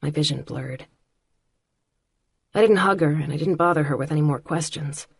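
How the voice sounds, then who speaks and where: A woman narrating an audiobook in the first person with a measured, quietly intimate reading. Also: sits low, vocal fry, slightly rough, dry recording.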